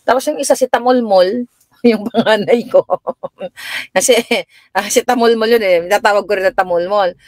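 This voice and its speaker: Middle-aged pinay mom chatting on a live stream, tells stories and goes up high when she quotes herself, dry mic. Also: moderate pace, no echo. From Philippines. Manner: chatty storytelling, jumps higher when quoting herself. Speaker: live-stream host answering viewers. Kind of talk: casual live-stream chat. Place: home in the United States.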